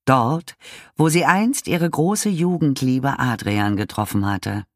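A man with a mid-range voice narrates an audiobook in a measured, expressive storytelling style. The recording is studio quality with no echo.

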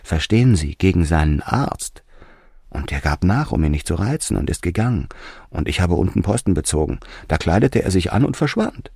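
A man plays an agitated young man who can barely hold himself together, pressing his point in an urgent half-whisper. The voice stays very deep and husky, close to a dry mic. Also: lively intonation, normal speed, darkish tone, no echo, exaggerated voice.

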